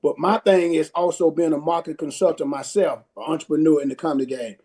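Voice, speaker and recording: A male comedian and promoter makes his point earnestly in a group discussion. His voice is high yet soft and dark in tone. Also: steady tone, quick pace. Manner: earnest, emphatic. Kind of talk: panel discussion.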